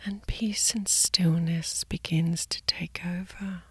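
A woman guiding a sleep meditation in a soft, soothing spa-like whisper, gently and in short, unhurried phrases. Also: on the low side, fairly even intonation, slightly rough, no room sound. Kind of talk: guided sleep meditation narration.

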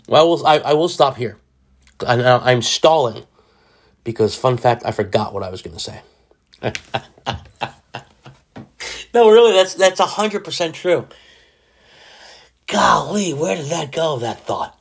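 A man in his forties hosting a solo podcast, rambling and self-mocking as he jokes his way through his thoughts. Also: mid-range voice. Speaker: podcast host.

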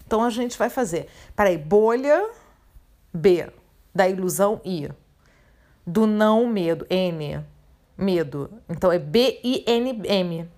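A Brazilian woman, hosting a solo podcast from home at night, chatty and dramatic, swinging between loud and hushed talk. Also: mid-range voice, expressive, slow pace. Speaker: podcast host.

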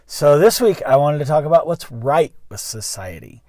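A man's voice: on the high side, very animated, moderate pace, a little mellow, dry recording, clean studio sound. A man, a school bus driver, telling a story in a casual, rambling monologue full of restarts and self-corrections.

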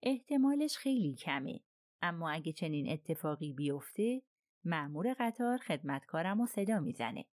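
A woman reading the part of an aloof, calm elderly princess who speaks slowly and with composure, in an audiobook. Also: deep voice, no echo, studio quality. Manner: slow, measured and composed.

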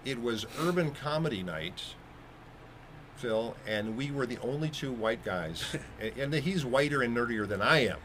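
A man's voice: mid-range voice, lively intonation, unhurried, a bit bright, a little hiss or hum. A man co-hosting a radio show, telling a rambling anecdote with fillers in casual chat.

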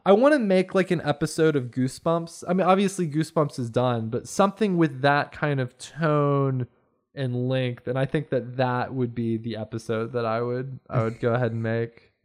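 A young man chatting casually on a podcast, telling stories in a rambling, animated way. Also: medium pitch, moderate pace. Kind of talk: casual chat.

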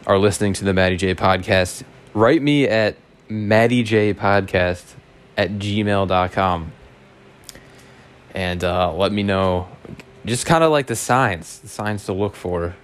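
A man with a raspy, hoarse smoker's voice chatting casually as a solo podcast host, laid-back, slangy and sweary. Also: low-pitched. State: hoarse after a night out.

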